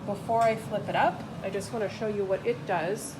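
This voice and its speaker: A woman's voice: medium pitch, steady tone, normal speed, background noise. A woman giving a patient, step-by-step demonstration as an instructor, talking into the phone she films with. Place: kiln room. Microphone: phone held while filming.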